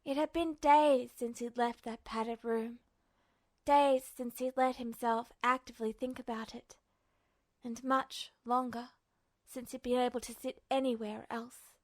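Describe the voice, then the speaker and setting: In a fairly high voice, a woman reads prose fiction from a script, audiobook style. She is the storyteller of a fan fiction recording. Her tone is steady and unhurried.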